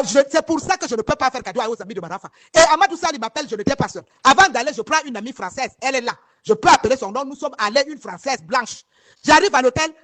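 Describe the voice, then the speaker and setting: Fast, heated woman. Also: high voice. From northern Cameroon. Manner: emphatic and rambling, with many repeated words and restarts; speaks straight to her audience and asks if they follow. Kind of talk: heated first-person testimony to viewers.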